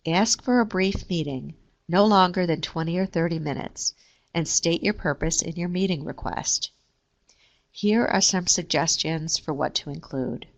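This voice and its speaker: A woman reading a scripted careers lesson in a steady, measured way. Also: fairly low pitch. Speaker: career services presenter. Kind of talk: scripted instructional narration.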